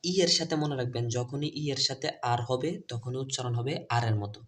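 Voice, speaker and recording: A man teaching English letter sounds to children's teachers and parents. His first language is Bengali. He spells out the letters and repeats each word slowly. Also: medium pitch, fairly even intonation, a bit bright. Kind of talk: phonics lesson video.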